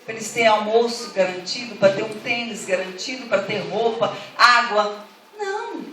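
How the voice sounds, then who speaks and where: A woman's voice: medium pitch, expressive, normal speed, crowd noise. A middle-aged woman pastor, preaching a fervent sermon that rises to emphatic calls to the congregation. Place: church hall. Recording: echoey hall from far off.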